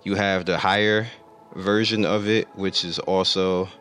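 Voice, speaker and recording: A man's voice: low-pitched, steady tone, measured pace, a bit bright, slight background noise. A man hosting a gaming channel, talking casually through game menus, rambling and correcting himself as he goes, and losing his voice. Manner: rambling, self-correcting, explains while clicking through menus. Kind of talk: casual gameplay commentary.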